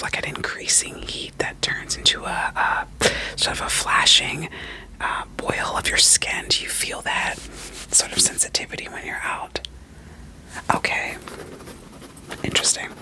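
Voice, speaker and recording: Unhurried and softly whispered, her ASMR roleplay casts her as a therapist who playfully poses gently probing questions and repeats little phrases. The recording is low quality.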